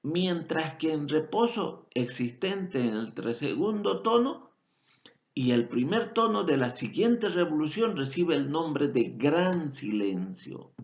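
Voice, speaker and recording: Bolivian male vet lecturer, slow patient explainer, lively intonation, dull lo-fi audio. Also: on the high side. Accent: Bolivian Spanish. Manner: explanatory, repeats key points, self-corrects. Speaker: veterinary lecturer. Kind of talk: recorded lecture over slides.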